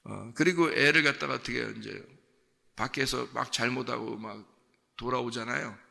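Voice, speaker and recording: A man's voice: medium pitch, normal speed, vocal fry, pushed and bright, big-room sound. A male pastor preaching a conversational sermon in a church, often asking the congregation questions and acting out parents' scolding. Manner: peppers talk with rhetorical questions to the congregation; acts out quoted parents' scolding lines. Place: church sanctuary.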